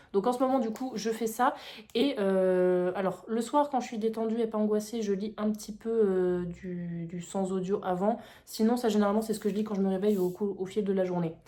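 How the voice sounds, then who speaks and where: In this home-recorded vlog, a book vlogger in her twenties chats eagerly about her reading. Her voice is mellow and mid-pitched, captured on a phone mic in an echoey indoor room.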